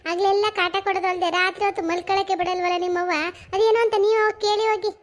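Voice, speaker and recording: A woman voicing a sharp-tongued, fed-up young daughter-in-law in a cartoon comedy, snapping back in exasperation. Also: very high voice, level tone, very fast. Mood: exasperated.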